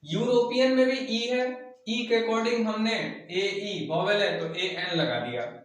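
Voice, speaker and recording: Echoey high-voiced male teacher far from mic. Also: slow pace. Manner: asks and answers his own questions, spells words letter by letter. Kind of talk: classroom grammar lesson.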